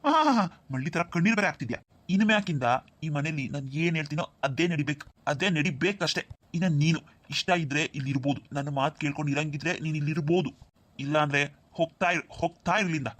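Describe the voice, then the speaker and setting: A man's voice: a little high, quick pace, a bit bright. A man voicing a defiant, boastful drunk husband in a cartoon, firing back brash retorts. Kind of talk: cartoon voice acting.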